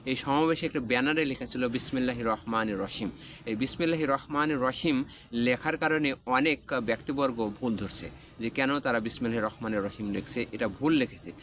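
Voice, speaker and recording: A man's voice: medium pitch, brisk, fairly bright tone, slight background noise. A man gives a direct-to-camera lecture, stacking repeated phrases and spelling out letter sounds emphatically. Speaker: video commentator.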